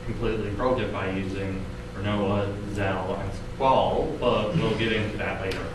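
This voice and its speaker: A man's voice: lowish voice, fairly even intonation, moderate pace. A man co-hosting a video game retrospective in casual chat. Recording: very echoey room, distant mic, noisy.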